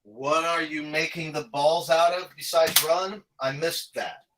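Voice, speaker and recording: Bright-voiced man hosting a casual live chat. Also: a little high, steady tone, measured pace, slight background noise. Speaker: live stream host. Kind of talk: casual live chat, reading out viewer comments.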